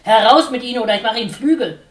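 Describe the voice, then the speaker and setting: A woman's voice: mid-range voice, lively intonation, brisk, a little mellow, natural voice. A woman reading aloud and voicing a formal, courteous male starling who strains to keep his temper. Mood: angry. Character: polite but irritable male starling, house owner. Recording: roomy, distant mic.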